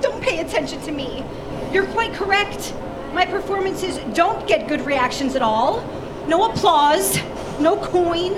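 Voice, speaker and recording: A woman's voice: very high voice, animated, a little slow, background noise. A woman playing an aggrieved, melodramatic, struggling subway busker in a live comic radio play. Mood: self-pitying.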